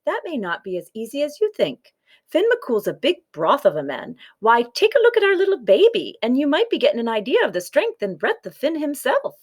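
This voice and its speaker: A woman's voice: high voice, huge pitch swings, a little fast, pitched above the performer's own voice, full character voice. A woman voicing a sweet, sly, coaxing giant's wife in a storybook tale. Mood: sweetly sly. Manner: sugary, coaxing.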